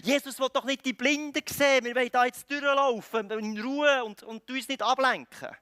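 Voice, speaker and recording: A man voicing a crowd of embarrassed followers who hush and scold with urgent, hissing shushes. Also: very high voice, steady tone, moderate pace, smooth, dry recording, clean studio sound, pitched above the performer's own voice.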